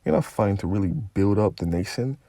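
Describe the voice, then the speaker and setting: A man with a very low, gravelly voice delivers a confrontational religious rant. He is profane and preachy and punctuates his lines with repeated tags. The sound is dry and close. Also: brisk, dark tone, no echo. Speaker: religious commentator.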